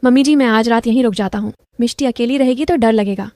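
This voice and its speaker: A man's voice: extremely high pitch, quick pace, darkish tone, no room sound, clean studio sound. Woman voicing a coaxing young son-in-law.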